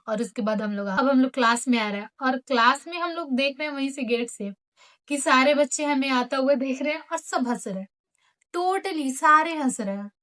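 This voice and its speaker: A teenage girl chats through a funny school storytime for her vlog, with a high, bright pitch. She tells it in an animated way, acting out what teachers and friends said and dropping English phrases into her talk. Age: late teens. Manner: animated, acts out teachers and friends in quoted lines. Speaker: vlogger telling a school story. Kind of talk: casual storytime chat.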